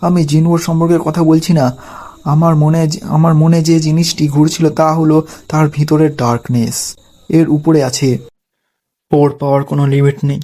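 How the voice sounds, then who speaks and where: A shaken young woman with hidden power, as a male recap narrator reads her lines. The delivery stays flat and mellow, with little rise or fall. It sounds like a storybook reading rather than acted drama. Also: fairly high pitch, moderate pace, natural voice. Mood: frightened. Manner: flat, read-aloud delivery.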